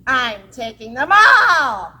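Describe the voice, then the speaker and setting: A woman voicing a cold, prickly, eerie witch with slow, shouted, drawn-out demands. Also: high-pitched, big pitch swings, exaggerated voice. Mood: greedy, demanding. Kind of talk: storytelling to a camp audience.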